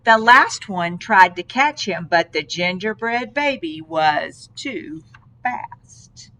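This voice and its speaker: A woman reading a children's story aloud in an expressive way, with dramatic, deliberate phrasing. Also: on the low side, a little hiss or hum. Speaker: storybook reader.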